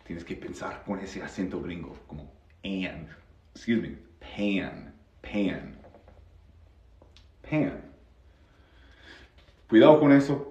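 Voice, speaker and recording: A low-voiced man gives a live pronunciation lesson. He explains in Spanish and drills each sound over and over. His voice rings in an echoey room. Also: warm tone, muffled recording. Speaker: English teacher.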